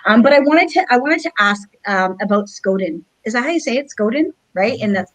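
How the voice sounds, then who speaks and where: A woman's voice: on the high side, animated, fairly quick, rough recording. Rambling woman hosting a video call chat. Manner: warm, rambling, many fillers. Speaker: community organization host.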